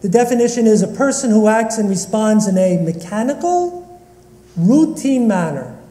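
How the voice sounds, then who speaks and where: Echoey hall reverb surrounds a rabbi from Northeast Philadelphia as he gives a sermon in a synagogue sanctuary, bantering and joking with the congregation. He's animated, with a high voice, a dark tone and a normal speed.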